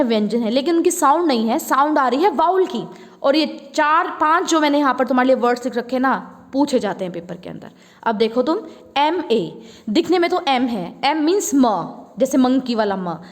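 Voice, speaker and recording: A woman with an Indian accent teaching English grammar to children, explaining each rule slowly and repeating words so they can be practised. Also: high voice, in a large hall. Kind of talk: classroom lesson.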